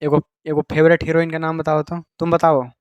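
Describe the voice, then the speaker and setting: A man's voice: a little high, monotone, brisk, clean tone, no room sound. A man with a Bihari Hindi accent teaching a class in a casual, chatty way, often quizzing his students. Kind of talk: classroom lecture.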